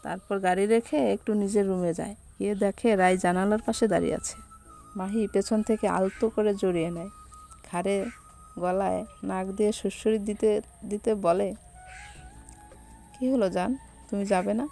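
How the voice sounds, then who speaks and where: A woman's voice: medium pitch, steady tone, moderate pace, creaky, warm tone, faint music behind. Woman narrating a romance story.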